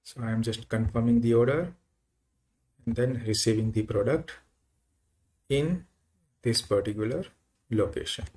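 A man giving an unhurried screen-recorded software walkthrough, thinking aloud with frequent fillers. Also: mid-range voice, slightly rough. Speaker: software tutorial presenter.

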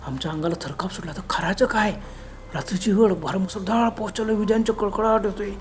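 A man narrating a first-person horror story in a dramatic, halting way, with gasped exclamations. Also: high voice, a little mellow, slight background noise.

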